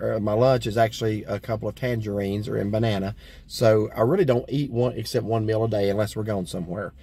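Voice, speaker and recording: A middle-aged man with a lowish, darkish voice hosts a casual food vlog, reviewing food from inside a parked vehicle. His chat is rambling and folksy, with lots of fillers.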